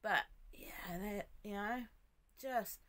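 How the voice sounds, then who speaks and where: A woman giving a casual devotional talk, gentle and reflective, often sinking to a soft near-whisper. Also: medium pitch, slow pace. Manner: many fillers and restarts, reflective.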